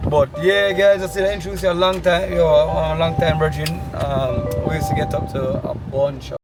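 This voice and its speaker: A man with a Jamaican accent chatting loudly and excitably in a casual vlog, full of slang. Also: a little high, moderate pace, music in the background. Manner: loud, excitable slangy talk. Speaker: vlogger.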